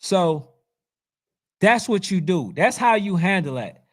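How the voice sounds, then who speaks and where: Hosting a youth football channel, this man speaks directly to viewers in a fairly high, hoarse voice that sounds like it's giving out, since he's losing it. His sports commentary is animated and preachy, and he reads out comments along the way, taking his time.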